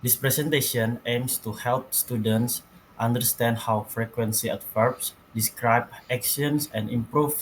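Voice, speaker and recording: A man's voice: medium pitch, slight background noise, poor audio. A young man from Indonesia, a student reading his presentation slides aloud, with small restarts. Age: young adult. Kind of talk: class presentation.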